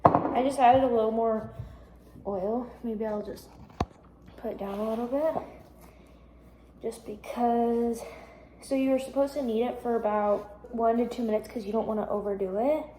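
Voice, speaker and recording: A woman's voice: a little high, steady tone, moderate pace, pauses often, background noise. A woman vlogging in her home kitchen, chatty and rambling, thinking aloud as she cooks. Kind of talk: casual cooking vlog chat. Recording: echoey kitchen room.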